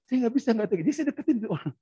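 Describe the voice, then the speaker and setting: A man preaching a storytelling sermon as a pastor over a video call, animated and often laughing. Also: very high-pitched, racing, slightly rough, no echo. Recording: dull lo-fi video-call audio with faint music.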